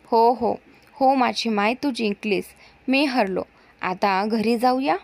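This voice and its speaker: Woman voicing a slow teasing young man. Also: on the high side. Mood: teasing, pleading.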